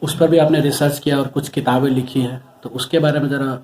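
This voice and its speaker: A man's voice: medium pitch, fairly even intonation, fast, a little mellow, echoey room. A man interviewing, asking polite, prompting questions.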